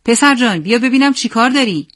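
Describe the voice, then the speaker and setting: A woman's voice: fairly high pitch, expressive, voice pushed up. A woman voicing a stern, worried middle-aged father who gives curt, commanding orders. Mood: firm.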